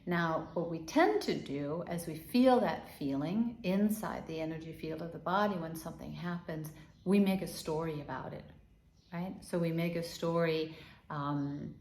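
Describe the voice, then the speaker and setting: Speaking low in an echoey room, a gentle Danish woman leads a body-awareness session as a healing and meditation teacher. She takes her time and keeps coming back to soft guiding phrases.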